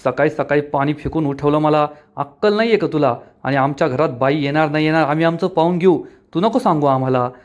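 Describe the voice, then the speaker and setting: A man voicing an angry young village man who shouts insults. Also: fairly high pitch, fairly quick, few pauses, natural voice. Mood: irritated.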